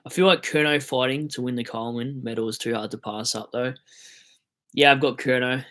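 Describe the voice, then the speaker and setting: Australian male streamer, mid-pitched, loose chatty delivery with the odd swear and mock rant. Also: fairly even intonation, brisk, a bit bright. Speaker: fantasy football livestream host. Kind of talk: casual livestream chat.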